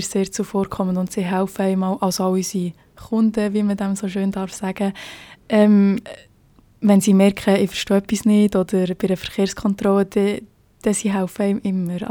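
With a Swiss German accent, a young Swiss policewoman recounts her work for a podcast interview, filling her hesitant speech with fillers. She speaks at normal speed in a mid-range, level, dark voice, and the recording is dry.

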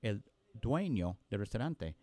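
A man's voice: on the low side, very animated, dark tone, no echo. Earnest man preaching a story. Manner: earnest, with pauses and restarts. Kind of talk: sermon storytelling.

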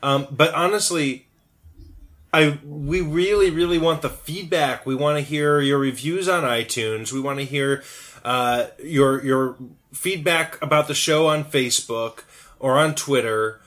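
A man co-hosting a podcast, speaking haltingly with many ums and restarts. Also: a little high, fairly bright tone. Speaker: podcast co-host. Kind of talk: casual podcast chat.

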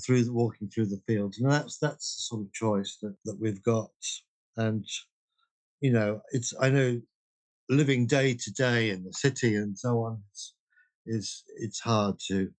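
Middle-aged man, interview guest, reflective and meandering, mid pitch. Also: poor audio. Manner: thoughtful, meandering, with restarts. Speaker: guest, pilgrimage leader.

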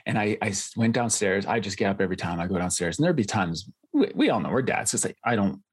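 Husky-voiced male podcast host. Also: lowish voice, expressive, fast. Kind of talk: podcast interview.

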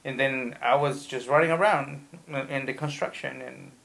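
Gravelly man from Ecuador, rambling stories. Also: medium pitch, moderate pace. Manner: rambling, animated storytelling with profanity. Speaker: tattoo artist, guest. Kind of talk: casual interview chat.

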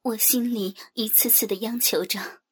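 Husky-voiced woman narrating softly. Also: a little high, fairly even intonation, moderate pace. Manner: soft, breathy narration. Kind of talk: whispered erotic story reading.

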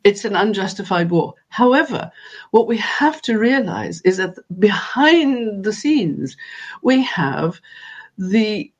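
A woman's voice: mid-range voice, animated, muffled recording. Earnest woman giving emphatic interview answers. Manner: earnest, emphatic, deliberate phrasing with repetition. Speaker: interviewed guest and spokesperson for an organisation. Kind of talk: earnest interview answer on world affairs and spirituality.

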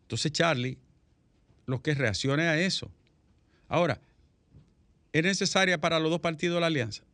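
A man with a Dominican accent hosting a panel talk show on the news, an animated storyteller who swears casually. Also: on the high side, normal speed, pauses often, no echo.

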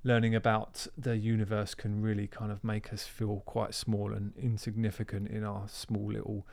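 A man's voice: on the low side, monotone, normal speed, gravelly, darkish tone. A man hosting a podcast, introducing the guest in a chatty, informal way. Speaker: podcast host. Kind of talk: casual podcast intro and interview.

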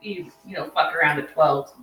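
A woman's voice: low-pitched, normal speed, bright, forceful tone, reverberant, far from the mic, faint music behind, low-quality recording. A woman co-host chiming in bluntly and playfully in a casual chat.

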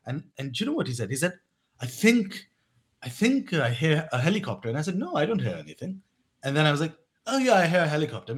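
A man in his thirties, born in Pakistan and raised in England, recounts his past on a podcast interview as an education company co-founder. His voice is on the high side, and his storytelling is calm, reflective and measured, with frequent restarts.

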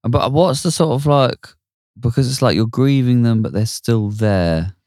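A man's voice: medium pitch, a little slow, a little mellow, no echo, studio quality. A man, a music producer co-hosting a podcast, asking curious, casual questions with plenty of fillers. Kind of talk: podcast conversation.

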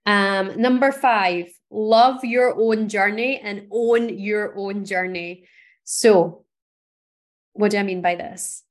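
An earnest woman from Scotland speaks on her own podcast in a voice of ordinary pitch for a woman. She talks in an encouraging, emphatic way as she coaches her listeners. It is a motivational solo talk. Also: steady tone, takes it slowly. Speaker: podcast host.

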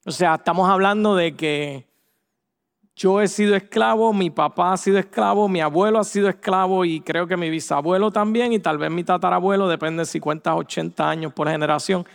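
High-voiced man preaching in an echoey hall. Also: gravelly. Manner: animated, acts out quoted voices. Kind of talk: sermon. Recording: echoey hall with long reverb.

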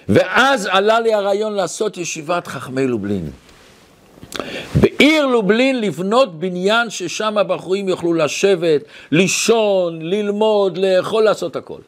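A man speaking as a revered old rabbi, earnestly telling the story of his childhood. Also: high voice. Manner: earnest first-person storytelling.

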